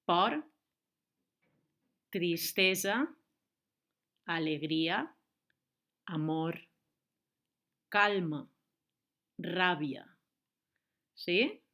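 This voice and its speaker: A young adult woman with a Valencian accent, teaching a remote lesson to young children in a clear, encouraging way. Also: fairly low pitch, a bit bright. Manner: slow, clear, encouraging, speaks to kids and switches between Valencian and Spanish. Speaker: primary school teacher.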